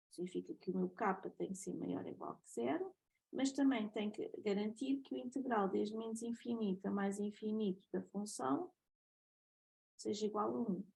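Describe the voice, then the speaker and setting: A woman's voice: medium pitch, gravelly, darkish tone, husky, low-quality recording. A woman with a European Portuguese accent giving a recorded math lecture, explaining step by step and checking in with "ok?" often.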